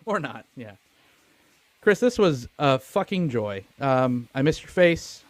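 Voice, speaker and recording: Hosting a movie podcast, this man keeps things loose, cracking jokes, cursing, and being self-deprecating. He speaks slowly in a sing-song, mid-range voice, recorded without echo.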